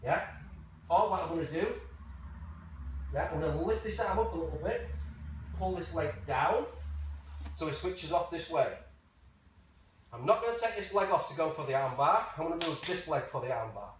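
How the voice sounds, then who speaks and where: A male martial arts coach demonstrates moves in short, casual instructions. His slightly high voice carries from a distance through a very reverberant room. He breaks each technique into small steps as he goes. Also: lively intonation, moderate pace, long pauses. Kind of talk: hands-on jiu jitsu demonstration. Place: large echoey indoor training room. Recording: very echoey, noisy room, far from mic.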